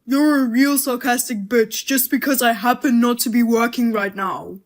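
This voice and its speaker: Woman voicing a touchy husband, defensive, snapping, somewhat high voice, storybook drama. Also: fairly even intonation, normal speed, lightly acted. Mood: irritated. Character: idle, touchy husband, man, thirties.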